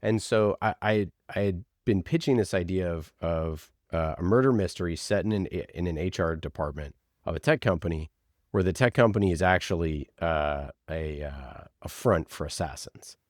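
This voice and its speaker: Speaking at a moderate pace in a low voice, a podcast producer being interviewed shares stories in an informal, excited way, often saying "like." It's casual conversational storytelling, captured as a dry, clean studio recording.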